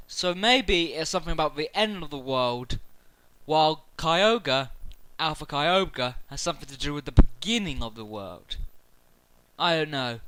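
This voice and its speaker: A man talking excitedly to camera about a video game, rambling through his theories with many fillers and restarts. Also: fairly high pitch, smooth, no echo, low-quality recording. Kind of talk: casual speculative chat to camera.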